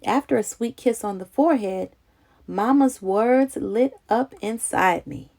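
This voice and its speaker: A woman whose voice sits on the high side and sounds creaky reads a children's picture book aloud a little slowly. She narrates in an expressive, dramatic, childlike storytelling style.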